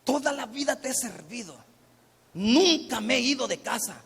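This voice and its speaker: A bitter young elder son grumbles and reproaches his father, as a male preacher acts him out. The voice is high, bright and gravelly, with a husky edge. A long hall reverb rings behind it. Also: lively intonation, moderate pace, full character voice. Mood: bitter, reproachful. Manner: complaining, reproachful questions.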